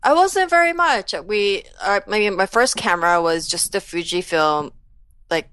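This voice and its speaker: A woman in her thirties with a Canadian accent, a photographer guest talking in a relaxed, soft-spoken, self-deprecating way. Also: medium pitch, normal speed, clear, resonant tone, dry recording. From Taiwan, raised in New Jersey and Canada. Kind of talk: conversational interview.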